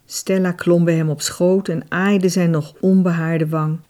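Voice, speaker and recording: A woman reading a novel aloud in steady, measured audiobook narration. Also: on the low side. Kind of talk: scripted narration.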